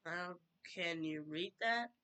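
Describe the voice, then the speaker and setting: Reaction commentator, sarcastic and baffled, slow delivery, bright tone. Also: mid-range voice, clear, resonant tone. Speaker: video commentator. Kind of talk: reaction commentary over a video.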